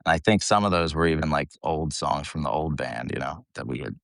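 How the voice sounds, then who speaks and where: A creaky, slightly bright bass voice moves a little fast, recorded in a clean studio without echo. The speaker, a metal vocalist from eastern Pennsylvania in the US, chats as an interview guest, telling stories with blunt, sweary slang.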